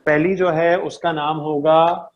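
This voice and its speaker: A man's voice: on the high side, little pitch movement, slow, muffled recording. A man teaching an online class, patient, repeating key terms and checking often that his students understand.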